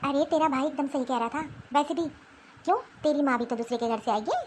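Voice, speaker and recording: A woman's voice: sits high, fairly quick, a little mellow, slight background noise, voice pushed down, lightly acted. A woman voicing a stern older grandmother who scolds a girl in a cartoon. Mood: scolding. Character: stern old grandmother favoring the boy.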